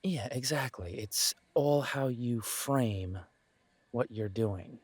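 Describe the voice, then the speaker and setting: Playing the self-deprecating best friend in a relaxed roleplay audio drama, this man offers candid encouragement in an earnest, chatty manner, pausing as he goes. His mid-range voice has a breathy edge and is recorded dry.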